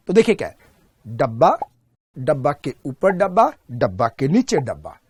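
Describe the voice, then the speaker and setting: Lively, repetitive male lecture voice, dry sound. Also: a little high, no echo. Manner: drilling by repetition, asking and answering own questions; slows right down on key English terms. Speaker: exam-prep teacher. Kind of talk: recorded online lecture.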